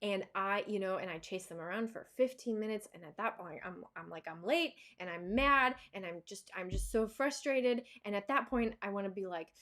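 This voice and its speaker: A woman's voice: mid-range voice, normal speed, hardly any pauses, fairly bright tone. A woman dog trainer answering viewer questions in a casual live chat, talking loosely with many fillers and restarts and laughing easily.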